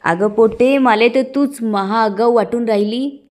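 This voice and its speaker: A woman's voice: mid-range voice, steady tone, measured pace, a little mellow, natural voice. A woman voicing a fiery retired schoolteacher with a Vidarbha Marathi accent, blunt and combative. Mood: scolding. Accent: Vidarbha Marathi (Varhadi).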